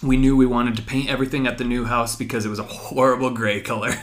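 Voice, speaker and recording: A man's voice: mid-range voice, fairly even intonation, fast. A young man hosting a podcast, earnestly telling a personal story to his wife, reflective and full of fillers. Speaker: podcast host.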